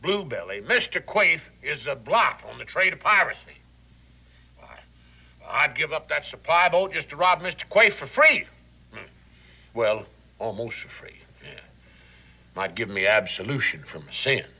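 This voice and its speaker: An actor playing a wily, boisterous river pirate captain in a western, with a folksy slow Southern American drawl and theatrical delivery. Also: male voice, medium pitch, expressive, pushed and bright, husky, exaggerated voice, low-quality recording. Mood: sly, gleeful. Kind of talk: scripted western screen acting.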